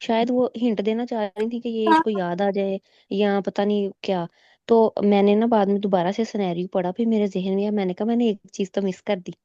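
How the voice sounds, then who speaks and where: A woman's voice: mid-range voice, fairly quick, no echo. Dull lo-fi call, woman recounting. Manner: animated retelling, quoting examiners and herself; mixes English medical terms into her talk. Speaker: exam candidate sharing her experience. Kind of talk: casual storytelling in a recorded meet.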